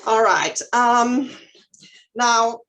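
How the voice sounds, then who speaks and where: A German-accented licensed counselor in her forties gives a candid chamber of commerce presentation to a live audience, full of ums, restarts and nervous humor. Her voice is on the high side and a bit bright, she speaks extremely slowly, and the recording is low quality.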